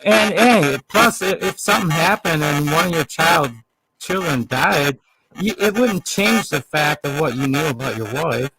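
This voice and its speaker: A man with a slightly high voice chimes in as a guest on an online call. His voice comes through robotic and metallic because the connection is breaking up. A clear crowd murmur runs behind him. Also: animated, measured pace, poor audio. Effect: robotic, metallic-sounding bad connection. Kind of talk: casual debate chat. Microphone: remote online call.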